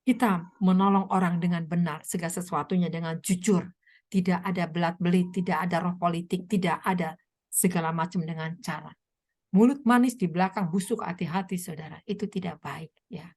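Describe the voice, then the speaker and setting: A woman evangelist preaching a sermon with a hoarse voice, telling stories and asking the listeners many rhetorical questions. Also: on the low side, brisk. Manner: animated storytelling, frequent rhetorical questions. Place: online meeting.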